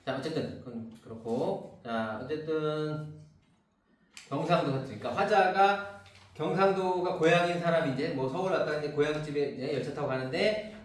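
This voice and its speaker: A middle-aged man from Seoul lecturing a class as a cram school literature teacher, casual and teasing, often checking in with "right?". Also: a little high. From Seoul, South Korea. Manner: casual and chatty, teasing, keeps asking "right?". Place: large classroom. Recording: echoey classroom from far off, faint noise.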